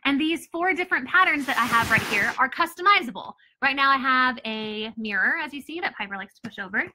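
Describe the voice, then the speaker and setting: A young mother who reviews products chats casually to a camera a few feet away while showing off a baby play gym on her living room floor. Her high voice has lively intonation and a slightly fast pace, full of fillers and upbeat energy, with background noise present.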